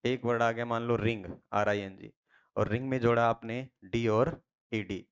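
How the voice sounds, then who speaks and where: An Indian man teaches pronunciation to a classroom as an English teacher, his voice medium in pitch, clear and resonant, with fairly even intonation at a normal speed. He poses questions to his students, answers them himself, and drills the key phrases over and over.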